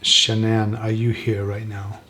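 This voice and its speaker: A soft-spoken man hosting a spirit box session, asking gentle questions slowly and leaving pauses for an answer. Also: lowish voice, completely flat delivery. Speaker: paranormal investigator, host.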